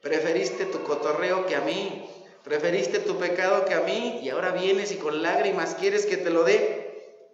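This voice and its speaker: A man's voice: high voice, unhurried. Mexican man, pastor preaching, emphatic, repeats himself, lo-fi dull recording, long church reverb. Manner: emphatic, repeats key phrases, rhetorical questions. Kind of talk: sermon. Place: church hall. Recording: echoey church hall, dull lo-fi sound.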